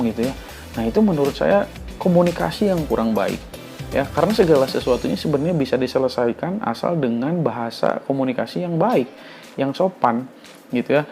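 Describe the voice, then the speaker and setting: Young guy teacher chatting to his class, middle pitch, keeps tagging lines with a little "right?", soft music under. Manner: chatty, emphatic, often tags phrases with a questioning filler. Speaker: teacher addressing students. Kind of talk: casual spoken lesson on manners.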